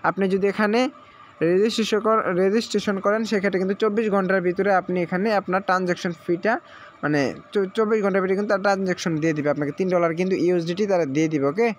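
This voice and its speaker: A man hosts a screen-recorded app tutorial in a high voice with fairly even intonation, speaking very fast, with a little hiss or hum present. He guides viewers through sign-up in repetitive steps, pausing to check in frequently and mixing English words into his speech.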